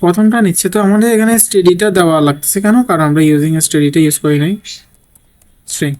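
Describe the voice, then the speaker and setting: A man with a high, darkish voice teaches programming at a quick pace, typing code as he goes. This screen-recorded tutorial has him thinking out loud and frequently checking in with "okay?".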